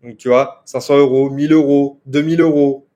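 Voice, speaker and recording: A man's voice: mid-range voice, steady tone, moderate pace, warm tone, lo-fi sound. A man giving an online marketing course lecture in French. He explains step by step, often stops to check with "ok?", and corrects himself as he goes. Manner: explanatory, repeats key terms, frequent "ok?" checks; fillers and self-corrections. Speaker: marketing trainer.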